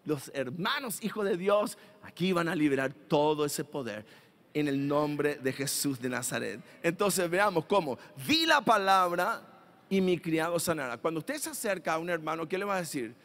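A male pastor preaching a sermon in a church, emphatic and animated, calling out to the congregation. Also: on the high side, moderate pace, in a large hall.

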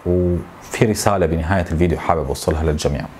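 A man in his thirties with a Syrian Arabic accent, venting to camera in a frustrated, complaining way, with halting repetitions. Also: very deep voice, darkish tone, slight background noise. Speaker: tech YouTuber. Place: small home office, indoors.

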